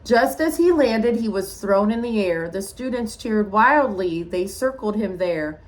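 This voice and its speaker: The audio is poor, but you can hear a woman with a mid-range voice reading a rhyming picture book in an unhurried, teacherly way. She brings the story to life and speaks asides to her young audience.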